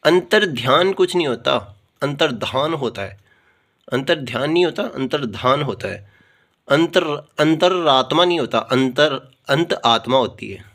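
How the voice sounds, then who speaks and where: A man's voice: fairly high pitch, fairly bright tone. A man teaching a Hindi grammar lesson, explaining patiently and checking in with "theek hai" after nearly every point, repeating words to drill them. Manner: repeats words slowly and drills correct spellings.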